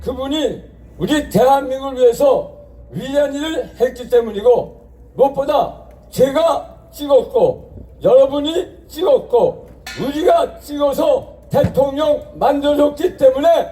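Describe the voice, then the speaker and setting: A male rally orator declaims in a very high, shrill voice, like a propaganda broadcast. He speaks slowly and emphatically, building to shouted slogans and rhetorical questions. He is heard from a distance over an echoing outdoor PA with faint music behind. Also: expressive. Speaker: rally speaker, association chairman. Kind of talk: political rally speech.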